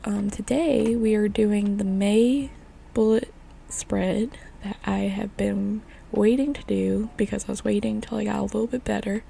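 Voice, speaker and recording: A young woman vlogger with a hoarse, raspy voice from a chest illness, chatting casually and rambling through a voice-over. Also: mid-range voice, fairly even intonation, unhurried, dark tone. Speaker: craft vlogger. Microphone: voice-over mic.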